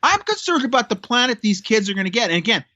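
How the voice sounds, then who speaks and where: Fifties male podcast guest, emphatic and preachy, fairly high and forceful, lo-fi and dry. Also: sing-song, quick pace, no room sound. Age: 50s. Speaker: chiropractor guest. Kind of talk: casual podcast chat. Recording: dull lo-fi sound.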